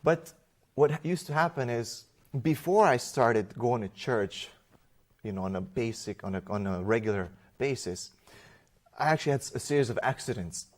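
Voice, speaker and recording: Romanian-born male guest, lowish voice, animated storytelling with restarts. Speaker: interview guest. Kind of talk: conversational personal testimony.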